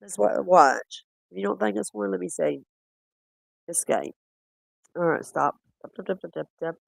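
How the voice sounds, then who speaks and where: A man chatting casually while reviewing footage, rambling and quick to laugh. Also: sits high, gravelly, no room sound. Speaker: cryptid-hunting streamer.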